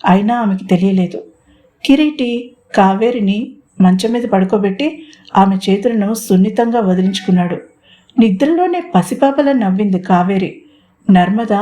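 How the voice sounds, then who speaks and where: A woman narrates an audio story with expressive, steady storytelling. Her voice is mellow and warm, never bright, set at an ordinary middle pitch. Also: normal speed. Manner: expressive storytelling, mixing in English words.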